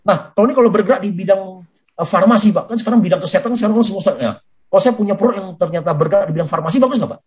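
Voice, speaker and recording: A man giving a lively sales coaching talk for network marketing, who often addresses his listeners as sir and acts out sales conversations. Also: sits high, rapid-fire. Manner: animated, addresses listeners as "Pak" constantly.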